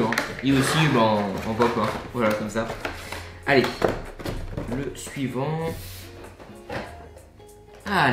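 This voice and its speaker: A man's voice: medium pitch, echoey room. A young man with a French accent chatting casually while showing his toy collection in an upbeat vlog. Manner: chatty, upbeat, many fillers and asides.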